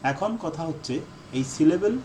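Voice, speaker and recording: A man who is an English teacher giving a lesson, repeating his key definitions and speaking in slow, deliberate phrases with fillers. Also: fairly high pitch, lively intonation, a little mellow, a little hiss or hum. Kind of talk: explanatory lesson lecture.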